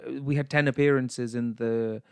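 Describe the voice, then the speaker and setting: A man's voice: mid-range voice, fairly even intonation, normal speed, darkish tone, clean tone, no echo. Young guy, podcast co-host, camp storyteller, dry close mic. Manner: chatty storyteller, playful and camp. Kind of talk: casual chat.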